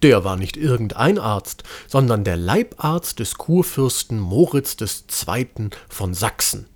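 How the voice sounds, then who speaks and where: A man narrating a children's story with an expressive reading. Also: lowish voice, unhurried.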